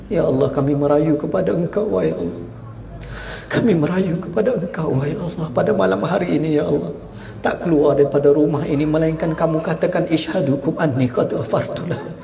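A man's voice: fairly high pitch, brisk, gravelly. A man preaching at an evening religious gathering, telling stories with animation and leading a long chanted prayer. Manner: animated storytelling, chanting supplications. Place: community prayer house during a gathering. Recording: roomy, mic at a distance.

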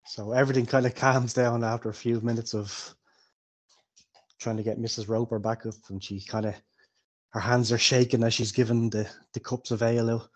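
A man runs a tabletop game, narrating in a loose, casual way. He laughs often and swears freely. His voice is slightly breathy. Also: mid-range voice, flat delivery, moderate pace. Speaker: game master.

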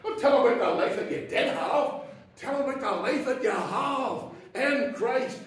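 A Northern Irish man, a pastor preaching an impassioned sermon that swings from soft asides to shouted exclamations. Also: very high-pitched, measured pace. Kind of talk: fiery Pentecostal sermon. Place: church hall. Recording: very echoey hall from far off.

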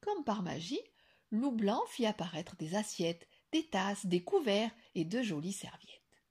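A woman teacher reading a children's picture book aloud with expressive, animated storytelling. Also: mid-range voice, a little slow, husky.

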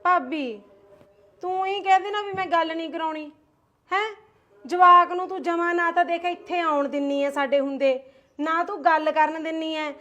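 A woman plays a touchy, resentful sister-in-law in a homemade family skit, speaking with a Punjabi accent. Her voice sits high, and she keeps tossing sarcastic tag-questions back. She sounds aggrieved and sore. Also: steady tone, normal speed, pushed and bright, highs cut off. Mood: complaining. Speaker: husband's sister.

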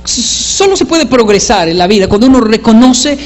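Animated man telling stories on stage. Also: extremely high pitch, moderate pace, long reverb tail. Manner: animated, acts out voices, self-mocking. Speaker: comedian. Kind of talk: stand-up storytelling.

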